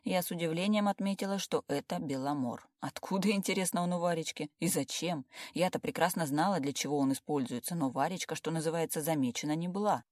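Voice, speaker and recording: A woman's voice: sits low, quick pace, few pauses, a little mellow, no echo, clean studio sound. Woman reading a wry first-person story. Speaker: audiobook narrator.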